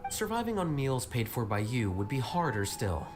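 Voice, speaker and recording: A man's voice: mid-range voice, big pitch swings, normal speed, close to an everyday voice. An actor playing an aloof, coolly sardonic male scholar in a video game, with dry, formal, detached delivery. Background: game music.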